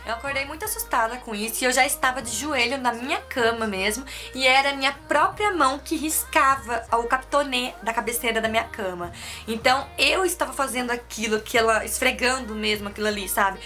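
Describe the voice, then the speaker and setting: A woman's voice: a little high, a little fast, pushed and bright, faint music behind. A woman earnestly telling a personal story as a vlogger, often asking her listener if they follow. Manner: earnest, emotional, often asks "sabe?".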